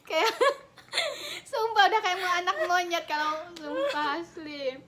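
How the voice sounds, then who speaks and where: A woman's voice: very high voice, lively intonation, takes it slowly, fairly bright tone. A young woman casually telling a story to a friend, acting out the quotes and laughing often.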